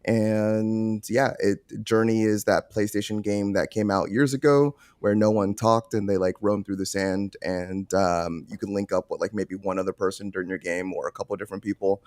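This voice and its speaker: A man's voice: fairly low pitch, steady tone, moderate pace, few pauses, a little mellow, no room sound, studio quality. A man in his thirties, co-hosting a gaming podcast, explaining news in a laid-back way with many fillers. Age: 30s. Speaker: podcast co-host. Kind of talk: casual chat.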